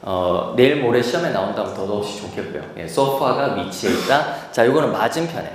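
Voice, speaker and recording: A man's voice: medium pitch, animated, a little hiss or hum. Man teaching in an echoey lecture hall. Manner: explains patiently, repeats key words with "예"; slows to model English pronunciation. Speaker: TOEIC instructor. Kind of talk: classroom lecture. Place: lecture room. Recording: echoey hall, distant mic.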